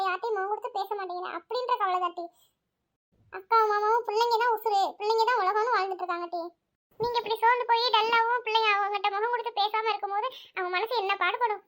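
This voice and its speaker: A woman's voice: very high-pitched, steady tone, fast, fairly bright tone. A woman voicing a fretful middle-aged aunt who scolds and exclaims in an audio story. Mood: scolding.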